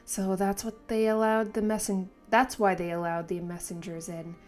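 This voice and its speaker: A woman's voice: mid-range voice, little pitch movement, normal speed, a little mellow, faint music behind, lightly acted. A woman voicing a stern, unyielding female elf mage from a manga in a matter-of-fact manner. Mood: stern, dry.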